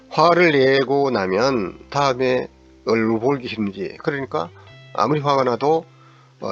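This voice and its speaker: Middle-aged guy giving a counseling lecture, kinda dull sound, soft guitar behind. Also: mid-range voice. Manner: acts out angry quoted lines in a raised voice. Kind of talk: explanatory lecture. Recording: slightly dull recording with faint guitar music.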